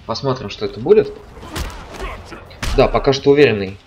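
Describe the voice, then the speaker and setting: A man's voice: medium pitch, moderate pace, a little mellow, lo-fi sound. A man giving live commentary on a fighting game stream, as a stream commentator. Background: game music and sound.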